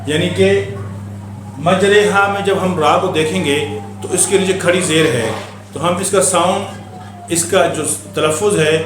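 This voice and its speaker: A man teaching Quran recitation in a patient manner, explaining the rules and drawling syllables in a chanting voice. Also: on the high side. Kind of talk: explaining tajweed with chanted spelling. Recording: echoey room with faint hum.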